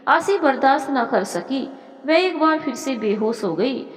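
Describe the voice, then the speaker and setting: Woman storyteller, lively melodic read, fairly high voice, roomy echo. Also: measured pace. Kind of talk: storytelling narration. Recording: echoey room with long reverb.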